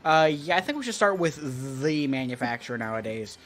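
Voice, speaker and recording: A man with a slightly high, fairly bright, expressive voice speaks at a normal speed while co-hosting a livestream in casual chat. He thinks aloud hesitantly into a close XLR microphone on a stand, with music and keyboard typing in the background.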